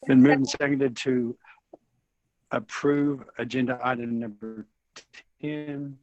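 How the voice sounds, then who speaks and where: A man's voice: medium pitch, fairly even intonation, takes it slowly, a little mellow, no echo, lo-fi sound. A man with an Arkansas drawl running formal procedure as chair of an online board meeting.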